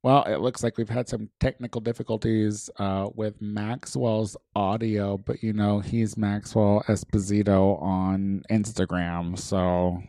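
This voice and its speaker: A man hosting a podcast, chatting casually and halting now and then with fillers. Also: lowish voice, level tone, warm tone, dry recording, studio quality. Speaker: podcast host. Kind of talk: casual chat.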